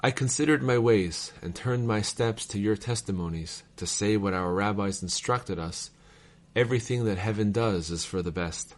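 A man reading old letters aloud in a measured, formal cadence, as a reader of devotional texts. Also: lowish voice.

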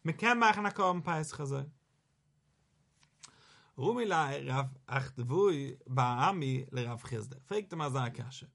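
Man, Talmud lecture, fairly high pitch, repetitive, rhetorical questions, sprinkled English words. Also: fairly bright tone, slightly rough. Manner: repeats key phrases and poses rhetorical questions. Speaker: Talmud teacher.

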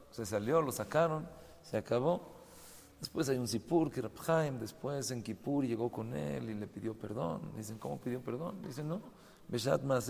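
Gravelly-voiced rabbi teaching in a hall. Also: male voice, medium pitch. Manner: animated storytelling, sudden loud bursts. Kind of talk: Torah lesson with stories. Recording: long reverb hall, faint ambient noise.

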